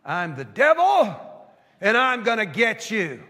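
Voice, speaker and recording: A shrill, shouting woman playing the devil to scare her drunk husband, as a male preacher puts her on. She shrieks her threats up high, with a long reverb trailing off every word. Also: huge pitch swings, unhurried, exaggerated voice. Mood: shrieking. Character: fed-up country wife shrieking as the devil.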